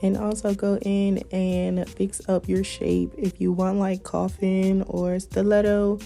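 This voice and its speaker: A woman in her twenties, hoarse from being sick, talking casually through a home nail tutorial as a vlogger. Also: mid-range voice, flat delivery, slow pace, faint music behind. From South Carolina, US. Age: 20s. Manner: chatty and laid-back, with soft laughs and fillers. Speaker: beauty vlogger.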